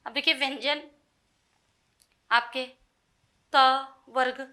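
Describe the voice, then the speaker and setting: A woman teaching a Hindi grammar lesson online, explaining slowly and asking the class questions. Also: sits high, fairly even intonation, bright, forceful tone. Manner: slow, explanatory, checks understanding with questions.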